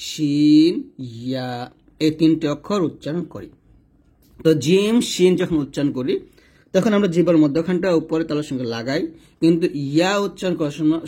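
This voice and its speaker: Pointing to a diagram, this Quran recitation teacher sounds out Arabic letters slowly and explains how to pronounce each, one step at a time. He has a fairly high, husky voice with a darkish tone.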